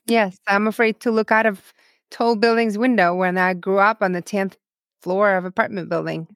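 A young Ukrainian woman whose first language is Russian speaks English with a Ukrainian accent, earnestly recalling her past in a personal testimony interview. Her phrasing is plain and non-native, her voice medium-pitched and fairly even at a moderate pace. The recording is studio quality with no room sound.

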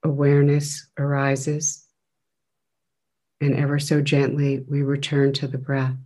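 A man leading a guided breath meditation as a teacher, speaking gently in measured phrases with long pauses between them. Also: mid-range voice, completely flat delivery.

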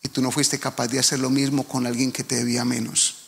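A man's voice: medium pitch, monotone, fairly quick, gravelly, a bit bright, long reverb tail. A man acting out a stern wealthy lord who demands payment of a debt, retelling a parable in a sermon. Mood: cold anger. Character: stern wealthy male lord collecting debts.

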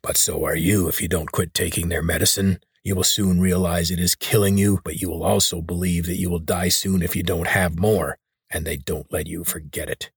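A man voicing a maimed, weary mutant leader who talks in a hoarse rasp. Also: low-pitched, steady tone, moderate pace, no echo, studio quality, exaggerated voice. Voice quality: hoarse, rasping.

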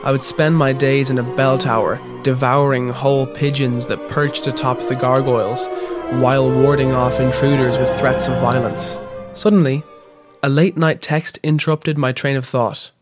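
A man, a podcast host, reading scripted comic narration in a deadpan, mock-grandiose way. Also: medium pitch, normal speed, over music.

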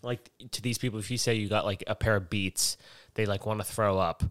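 A man's voice: fairly low pitch, steady tone, a little fast, fairly bright tone, dry recording, clean studio sound. A man hosting a casual solo podcast, rambling and swearing freely, wearing headphones at a podcast mic. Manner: profane, rambling, self-mocking. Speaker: podcast host.

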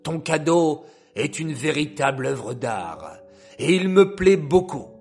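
A proud, imperious lord from a spoken storybook, played by a male narrator. He speaks slowly and with authority, over faint background music. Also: on the high side, expressive, darkish tone. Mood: gracious. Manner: commanding, imperious.

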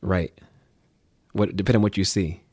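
A man's voice: deep voice, fairly even intonation, moderate pace, mellow, slightly rough, no echo, clean studio sound. A man hosting a casual interview, eagerly asking questions and often restarting them. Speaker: podcast host.

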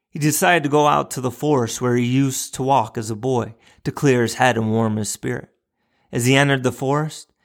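A man hosting a podcast for educators, reading a moral tale in a measured, reflective way. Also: medium pitch, creaky. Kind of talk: storytelling narration and podcast outro.

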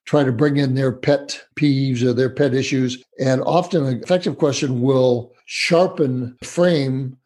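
A man co-hosting a talk show on communication, making measured points through a run of rhetorical questions. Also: mid-range voice, steady tone, darkish tone. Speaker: co-host. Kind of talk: conversational podcast talk on communication.

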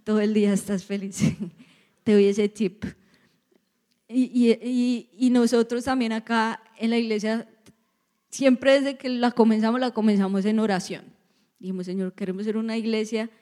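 Woman preaching, mellow, echoey church hall. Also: medium pitch. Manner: lively, joking asides to the congregation. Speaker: pastor. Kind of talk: sermon.

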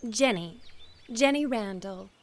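A woman playing a young adult female driver who speaks in a measured, reasonable way. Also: mid-range voice, animated. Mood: defensive.

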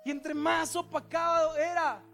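A man with a very high voice preaching with dramatic intensity, painting the scene for his congregation. Soft music plays faintly underneath. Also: level tone, a little slow, creaky. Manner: intense, vivid storytelling that addresses the listeners. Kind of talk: dramatic sermon storytelling.

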